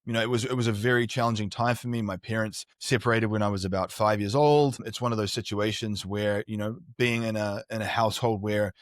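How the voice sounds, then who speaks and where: On a candid podcast, a performance strategist with a New Zealand accent, middle-aged, reflects earnestly on his life story as the guest. He speaks low and steady, brisk with few pauses, in a dry, studio-quality recording.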